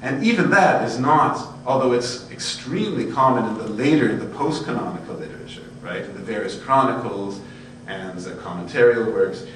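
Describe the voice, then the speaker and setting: A man's voice: medium pitch, lively intonation, normal speed. A man giving an informal academic lecture in an erudite, discursive way, often checking in with his listeners. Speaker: lecturer in Buddhist studies. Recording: very echoey, distant microphone, faint hum and noise.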